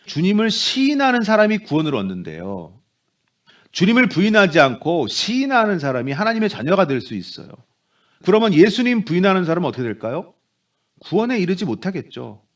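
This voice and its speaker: A man preaching a Sunday sermon as pastor, animated, dropping into soft low voices for quoted speech. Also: a little fast. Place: church sanctuary.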